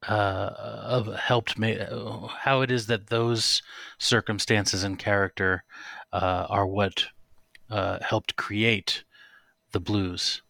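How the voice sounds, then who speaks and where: Gravelly low-voiced male interviewer. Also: level tone, slow pace, sharp tone, dry recording. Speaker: interview host. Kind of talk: podcast interview questions.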